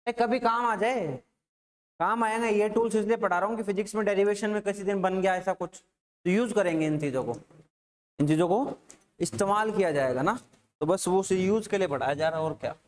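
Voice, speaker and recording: A man's voice: high-pitched, fairly quick. A male maths teacher with a Rajasthani Hindi accent gives a classroom lecture, asking the class questions and then answering them himself.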